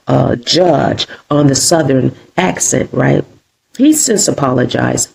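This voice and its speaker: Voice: mid-range voice, gravelly, a little mellow, slightly rough, poor audio. An American vlogger giving combative opinion commentary, often repeating phrases for emphasis.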